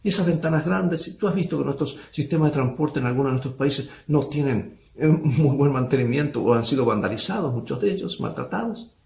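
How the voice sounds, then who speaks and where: A man's voice: mid-range voice, animated, a little fast, vocal fry, darkish tone, reverberant, slight background noise. A male pastor preaching a sermon, asking rhetorical questions of the brethren.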